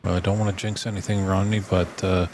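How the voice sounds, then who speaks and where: Deep, flat-toned Canadian man commentating. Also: brisk. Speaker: snooker commentator. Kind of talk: casual live sports commentary. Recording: noisy live venue sound.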